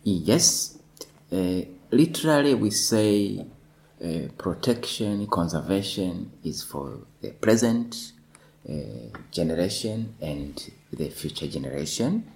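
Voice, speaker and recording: A man from Tanzania, a lawyer, speaking in a measured way in a discussion and repeating words as he thinks. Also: low voice, expressive, a little mellow, rough recording. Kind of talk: panel discussion.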